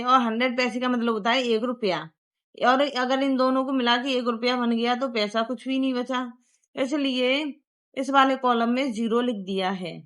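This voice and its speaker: A woman's voice: on the high side, a bit bright. A woman with an Indian accent teaching a primary-school math lesson, explaining step by step and switching between Hindi and English. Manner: reads English textbook sentences very slowly. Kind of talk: explaining a textbook lesson to young pupils.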